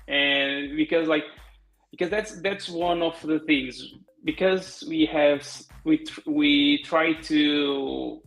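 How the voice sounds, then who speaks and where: A man's voice: on the high side, creaky, a bit bright. Portuguese-accented man, roomy video call. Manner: halting, many restarts and fillers. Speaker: guest software developer. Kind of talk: casual interview over video call.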